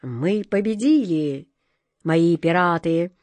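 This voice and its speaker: A woman voicing a bold, bossy female pirate chief in a storybook reading, giving slow drawn-out commands. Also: fairly low pitch, expressive, darkish tone, no room sound. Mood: triumphant.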